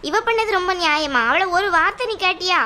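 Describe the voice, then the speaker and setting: A woman voicing a stubborn, hot-tempered younger sister in a cartoon, sharp and argumentative. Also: extremely high pitch, brisk. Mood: defiant. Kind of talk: cartoon voice acting.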